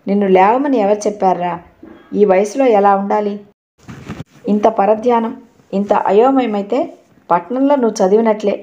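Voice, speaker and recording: A woman voicing a stern, brusque middle-aged uncle who scolds his nephew, in a mellow voice on a dull, lo-fi recording. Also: medium pitch, normal speed, pauses often, close to an everyday voice. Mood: scolding. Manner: gruff, chiding.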